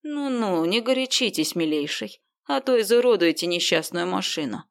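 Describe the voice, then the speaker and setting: A woman's voice: mid-range voice, lively intonation, creaky. A woman voicing a smug, wealthy man who speaks in a condescending, smirking way. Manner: condescending, slow smirking delivery.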